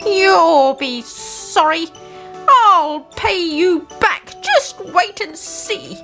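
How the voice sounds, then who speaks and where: A woman voicing a spiteful female witch who howls and hisses in a shrill voice. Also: expressive, extremely slow, music in the background, full character voice. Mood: vengeful. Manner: howling, hissing, shrill.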